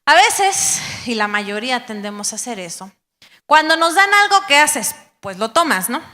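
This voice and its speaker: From the pulpit, a woman pastor delivers a lively, animated sermon at normal speed, slipping into and acting out the quoted voices of believers. Her voice sits high and bright, and the live church recording carries a long hall reverb.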